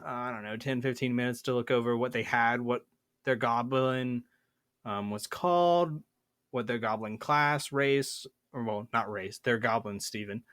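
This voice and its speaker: A man's voice: mid-range voice, unhurried, fairly bright tone, dry recording. A man hosting a tabletop gaming podcast, telling a story in a playful, boastful way. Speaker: podcast host. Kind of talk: casual chat.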